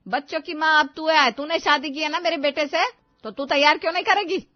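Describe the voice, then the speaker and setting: A woman puts on a nagging older mother-in-law from a storybook, bossy and loud, scolding in shrill bursts. The voice sits fairly high. The recording is dull and lo-fi with a dry, close sound. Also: big pitch swings, normal speed, no room sound. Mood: indignant.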